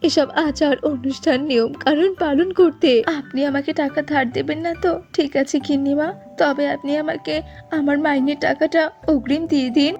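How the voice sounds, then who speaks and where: A woman voicing a poor young mother and maid in a cartoon, gentle and pleading. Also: high voice, fairly even intonation, a little fast, highs cut off, soft background music. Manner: pleading, tearful. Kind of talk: cartoon voice acting.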